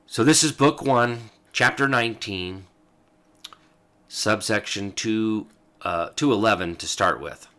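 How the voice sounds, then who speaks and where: Low-voiced man reading legal texts aloud. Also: slow, sharp tone. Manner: talks as he reads, with fillers and asides. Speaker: host.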